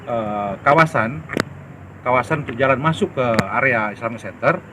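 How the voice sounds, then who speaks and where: A male official giving a statement in a news interview, halting, with pauses and fillers. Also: mid-range voice, background noise.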